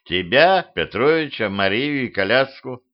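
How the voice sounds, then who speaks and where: A man's voice: mid-range voice, expressive, measured pace, lightly acted. A man voicing a sleepy, easygoing hypnotist who talks in a drowsy, puzzled way, in a homemade audiobook. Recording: slightly dull homemade audiobook recording.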